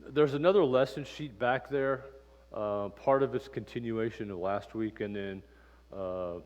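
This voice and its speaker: A man leads a relaxed Bible class, his slightly low voice filling a church room that rings on after each phrase. He talks conversationally, full of ums and side stories. The reverb lingers in the space around him. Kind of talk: casual Bible lesson with personal storytelling.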